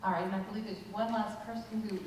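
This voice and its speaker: A woman moderating a public hearing in a brisk, procedural way. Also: medium pitch, fairly even intonation. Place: large public meeting room. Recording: distant voice in a long reverberant hall, loud noise.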